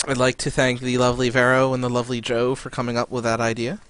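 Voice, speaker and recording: A man co-hosting a relaxed gaming podcast, his voice smooth and resonant. The sound is dry and close, with no room around it. He rambles and searches for words mid-sentence. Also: mid-range voice, quick pace, no echo. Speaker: podcast co-host. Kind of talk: casual podcast chat.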